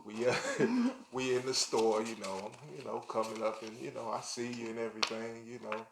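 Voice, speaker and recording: A man at a middle pitch chats loosely on a podcast, trailing into slang and filler as he thinks out loud. The room around him sounds echoey, with a faint hiss underneath. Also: fairly even intonation, moderate pace, vocal fry. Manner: loose, rambling, full of "you know" and slang. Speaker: podcast co-host. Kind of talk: casual conversational chat.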